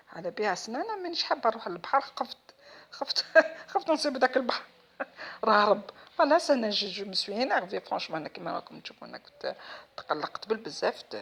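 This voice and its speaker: Fast, animated Algerian woman vlogging. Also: medium pitch, gravelly. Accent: Algerian Arabic. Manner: frustrated complaining, switches often between Arabic and French. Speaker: home vlogger. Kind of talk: casual vlog monologue. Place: at home.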